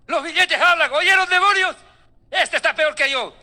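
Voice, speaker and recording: A preacher putting on a sneering, gossipy devil. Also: male voice, very high voice, normal speed, bright, forceful tone, voice pushed up, heavily acted. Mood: gleeful mockery. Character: scheming mocking male devil.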